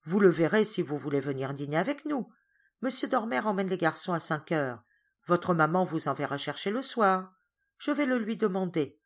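A woman voicing a stern, sharp-tongued governess who scolds firmly. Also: lowish voice, sing-song, moderate pace. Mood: calm. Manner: firm, scolding.

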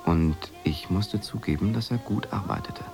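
In a radio drama, an actor narrates as a brooding expatriate husband weighed down by quiet guilt. His male voice sits low and sounds gravelly, and his delivery is measured, reflective, and subdued over soft background music.

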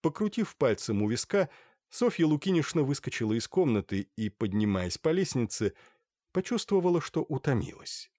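Lively male audiobook narrator. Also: mid-range voice, normal speed, dry recording, clean studio sound. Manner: lively expressive reading. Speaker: audiobook reader. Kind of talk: scripted narration.

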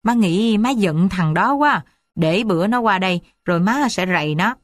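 A woman voicing a worried mother who gently coaxes and soothes her daughter, in a dry storybook reading. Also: mid-range voice, animated, moderate pace, dry recording, lightly acted. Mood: coaxing. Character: worried, tender older mother of the house.

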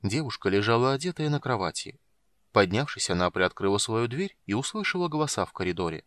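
A man narrating a fantasy audiobook in a steady, measured storytelling voice. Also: lowish voice, no echo.

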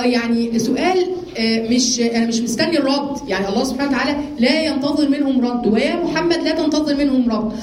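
A woman's voice: high-pitched, a little mellow, reverberant, a little hiss or hum, low-quality recording. A woman with an Egyptian Arabic accent teaching a religious lesson to women, asking and answering her own questions as she explains verses. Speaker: Quran teacher.

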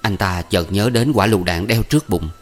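A man tells a story in a steady, measured way. His voice sits low for a man. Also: faint music behind. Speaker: narrator.

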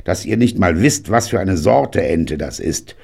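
A man's voice: low-pitched, animated, a little slow, darkish tone, voice pushed up, exaggerated voice. A man reading an audiobook and voicing a cantankerous, scornful 99-year-old grandfather. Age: older. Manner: gruff, scornful, blustering.

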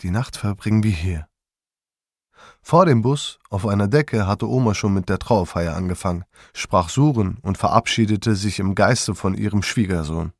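A man calmly narrating his memoir in a measured storytelling manner. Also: lowish voice, no echo, clean studio sound.

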